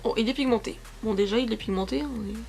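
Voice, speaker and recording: A woman's voice: fairly high pitch, rapid-fire, vocal fry, darkish tone, faint music behind. A woman in her twenties chatting casually about makeup from her couch at home, rambling and correcting herself with lots of fillers. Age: 20s. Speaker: beauty vlogger.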